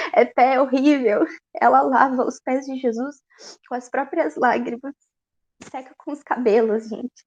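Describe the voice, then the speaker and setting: A woman with a Brazilian Portuguese accent giving a conversational Easter sermon, expressive and talking straight to the congregation. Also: high-pitched, dull audio. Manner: expressive, talks straight to the congregation, laughs often. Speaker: preacher.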